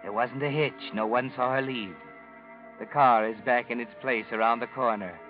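An actor playing an ominous male narrator who addresses a killer in the second person, measured and brooding, from a muffled old radio broadcast with music behind. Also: mid-range voice, close to an everyday voice.

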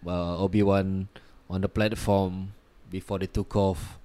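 A man from Singapore co-hosting a casual podcast, hesitant and quick to laugh. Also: low voice, flat delivery, mellow. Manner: hesitant, many fillers and restarts, laughs often. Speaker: podcast co-host.

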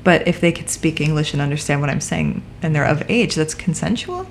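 A woman's voice: low-pitched, expressive, brisk, gravelly, a crowd in the background. A woman co-hosting a casual chat, joking and laughing as she reads tarot cards. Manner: joking, giggly, rambling. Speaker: podcast co-host reading tarot.

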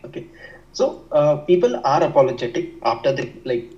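A man's voice: on the high side, very animated, normal speed, mellow. Muffled, distant young man, North Indian accent. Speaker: interview guest. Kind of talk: conversational discussion of work life.

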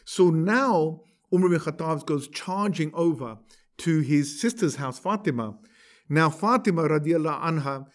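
A man, teaching a class by retelling a story in a conversational way, often checking in with the listeners. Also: a little high. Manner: conversational, asks "right?" to check in. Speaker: religious teacher. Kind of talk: storytelling lecture.

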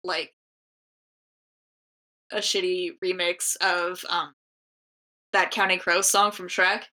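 A woman with a bright, forceful voice co-hosts a podcast in loose, casual chat. She rambles through her thoughts, stacking up "like" and restarting sentences as she jokes along. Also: on the low side, level tone. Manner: rambling, heavy use of "like", quick jokes. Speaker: podcast co-host.

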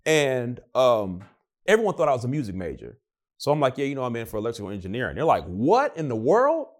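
Young guy chatting casually, lively up and down voice, acts out what everyone said. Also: medium pitch, fast talker. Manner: animated, acts out quoted voices. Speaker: guest. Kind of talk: casual storytelling.

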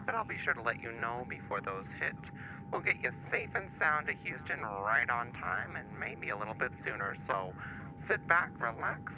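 A man playing a calm, reassuring airline captain, giving a cabin announcement over the cockpit intercom in a smooth, formulaic announcer cadence. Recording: muffled cabin address with engine rumble.

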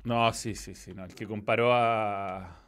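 This football show host, a Chilean-accented man, keeps things loose and profane as he reads chat messages aloud on his stream. He speaks unhurriedly with fairly even intonation, his fairly low voice a bit bright, clear, and resonant.

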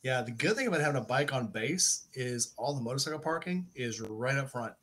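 A middle-aged man leads a relaxed podcast conversation in an ordinary mid-range voice. He meanders through his points, restarts sentences and corrects himself on the fly. He throws in easy jokes as he goes. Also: mid-range voice, a little fast, a little hiss or hum. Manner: rambling, self-correcting, joking. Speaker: podcast host. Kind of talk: casual chat.

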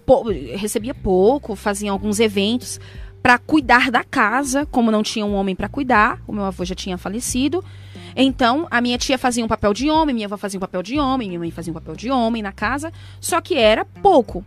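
Animated woman telling a heartfelt story. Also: on the high side, brisk, faint music behind. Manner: emotional, animated testimony with quoted prayers. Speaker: guest. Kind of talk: casual storytelling.

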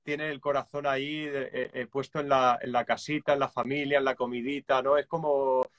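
Calm man explaining drum rhythms. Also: medium pitch, moderate pace. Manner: calm and reflective, hesitant restarts, counts beats aloud. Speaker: guest musician and drummer.

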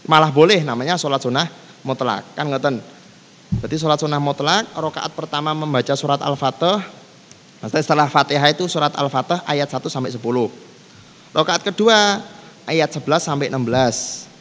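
Relaxed Javanese-accented man teaching. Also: a little high, fairly quick. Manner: easygoing, mixes Javanese into Indonesian, recites Arabic. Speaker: Islamic teacher leading kitab study. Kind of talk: casual religious lesson. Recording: long reverb with faint background noise.

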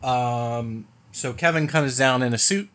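A man's voice: medium pitch, a little slow, a bit bright. A man co-hosting a podcast in casual chat, rambling and filling his talk with loose asides. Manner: rambling, filler-heavy, loose. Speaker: podcast co-host.

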